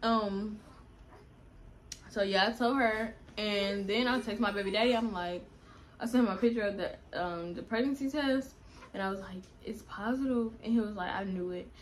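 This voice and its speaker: A woman's voice: mid-range voice, moderate pace, slight background noise. A young woman, casually telling a personal story to her viewers at home and calling them y'all. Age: young adult. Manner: chatty, addresses viewers as y'all. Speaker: vlogger.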